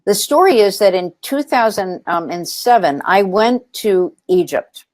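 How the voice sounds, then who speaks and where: A woman's voice: medium pitch, animated, measured pace, a little mellow, no echo. A woman who founded a nonprofit, talking in an interview, telling stories earnestly with frequent ums and restarts. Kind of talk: interview conversation.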